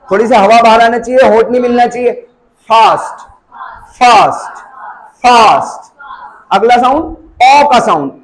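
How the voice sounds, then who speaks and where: A man teaching English pronunciation, repeating each vowel sound slowly and calling out example words loudly. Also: very high voice, fairly even intonation, rough recording. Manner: slow, drawn-out repetition of each sound. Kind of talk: spoken English lesson.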